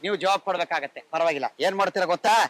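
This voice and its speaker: A man with a high voice plays a pushy fake holy man in a hidden-camera prank. He scolds and orders people about. The recording is full of loud street noise. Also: racing.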